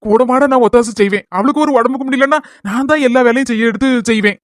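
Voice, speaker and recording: A man voicing a gentle, fussing elderly father in a cartoon, with a Kanyakumari Tamil accent. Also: very high-pitched, fast talker, no echo, clean studio sound. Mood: fond. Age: older. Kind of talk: cartoon voice acting.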